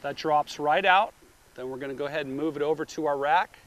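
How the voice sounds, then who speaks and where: A man's voice: on the high side, brisk, fairly bright tone. A middle-aged man explaining a roof rack product step by step, recorded outdoors at a beach beside a car on a camera mic. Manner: plain step-by-step instructions. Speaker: product demonstrator. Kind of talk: product demonstration.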